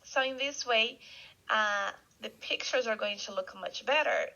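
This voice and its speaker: Female English teacher, high bright voice with gravelly fry, patient slow drills, lo-fi sound. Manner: slow, repeats words for learners to echo. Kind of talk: online English vocabulary lesson. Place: Canada. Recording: dull lo-fi recording.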